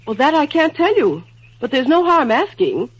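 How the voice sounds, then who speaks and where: A woman's voice: sits high, big pitch swings. An actress playing a busy, scatterbrained, motherly nature spirit in a theatrical 1940s radio drama. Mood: kindly fussy. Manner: theatrical, brisk, fussy. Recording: dull lo-fi old radio recording.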